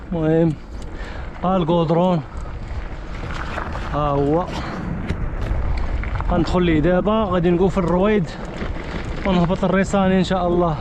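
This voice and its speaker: Fast high-voiced Moroccan man, noisy outdoor recording. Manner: offhand running commentary in short bursts. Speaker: travel vlogger on a bicycle trip. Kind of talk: casual outdoor vlog narration. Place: outdoors on a desert track and road. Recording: noisy outdoor sound with vehicle-like rumble.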